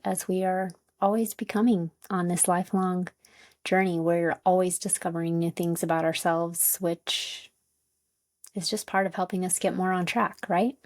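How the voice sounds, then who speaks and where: A woman giving a casual guided self-help talk as a coach, informal and tentative as she searches for words, with a creaky voice. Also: on the low side, fairly even intonation, moderate pace, no room sound, clean studio sound. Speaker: wellness coach and host.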